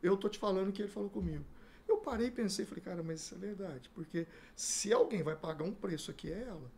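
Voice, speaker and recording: Middle-aged man from Brazil, pastor in an interview; raised pitch, gravelly fry, acts out every exchange. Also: fast, slight background noise. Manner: animated storyteller acting out dialogue. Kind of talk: telling his life story in a podcast interview.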